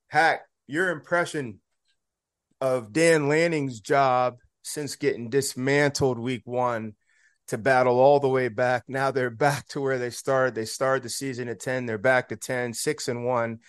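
A man's voice: medium pitch, steady tone, measured pace, clear, resonant tone, no room sound. Clean, close-miked man hosting sports talk. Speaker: sports show host. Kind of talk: sports recap and commentary.

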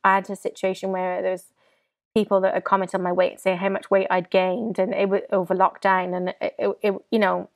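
A woman, talking candidly as an interview guest, halting and full of restarts, tearful at times. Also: mid-range voice, little pitch movement, dry recording.

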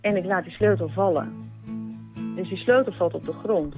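A woman giving a personal account in a reflective, halting way. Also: fairly low pitch, lively intonation. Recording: narrow radio-broadcast sound, faint music.

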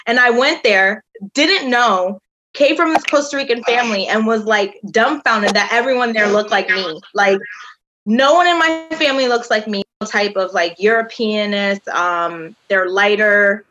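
A woman's voice: medium pitch, measured pace, noisy background. Chatty woman telling her story. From United States. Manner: chatty, uses lots of "um" and "like". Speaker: guest, tour company founder. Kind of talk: casual interview storytelling.

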